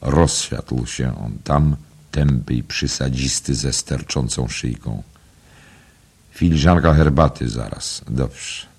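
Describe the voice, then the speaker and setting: A man narrating a literary novel in a calm, unhurried reading. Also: rumbling low, husky. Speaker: audiobook narrator. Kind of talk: scripted narration.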